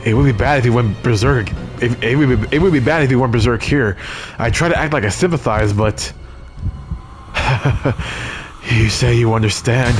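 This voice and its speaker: A man's voice: medium pitch, brisk, music in the background. A man hosting a game video, reading the game text aloud and reacting with jittery swearing and nervous laughs. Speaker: let's play host.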